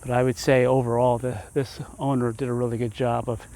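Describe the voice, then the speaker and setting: A man's voice: mid-range voice, level tone, fairly quick, mellow, rough recording. A man walking through a house, garage and yard, giving an easygoing home tour and thinking aloud as he goes.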